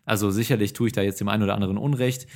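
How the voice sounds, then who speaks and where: A man's voice: on the low side, steady tone, very fast. A man hosting a film podcast, chatting casually in informal, colloquial language.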